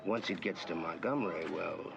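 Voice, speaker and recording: An actor playing a male government aide giving a grim, steady report from the field. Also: low voice, normal speed, vocal fry, background noise.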